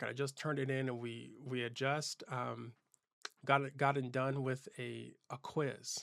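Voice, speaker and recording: A man's voice: mid-range voice, creaky, fairly bright tone, no echo, clean studio sound. Earnest man telling his life story. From Southern California. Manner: earnest, reflective, with frequent restarts. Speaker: keynote speaker and channel host. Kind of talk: personal storytelling monologue.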